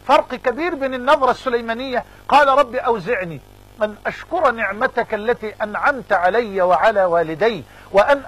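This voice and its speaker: High husky Egyptian preacher. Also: male voice, a bit bright, rough recording. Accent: Egyptian Arabic. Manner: fervent, repeats phrases for emphasis. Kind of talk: sermon.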